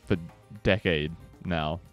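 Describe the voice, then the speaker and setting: Really deep guy co-casting, chill, explains stuff, faint music under it. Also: fairly even intonation, takes it slowly. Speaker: esports co-caster. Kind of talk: live game commentary. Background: faint background music.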